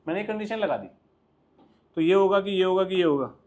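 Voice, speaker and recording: A young man with an Indian accent teaching a maths class, lively and coaxing, often quizzing his students. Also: sits high, a little fast. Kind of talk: classroom lecture mixing Hindi and English.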